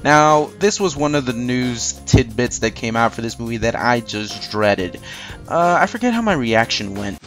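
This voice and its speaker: Over background music, a man who reviews movies runs through a countdown with strong opinions, speaking emphatically and conversationally and tossing in sarcastic asides. His medium-pitched voice has lively intonation at a normal speed.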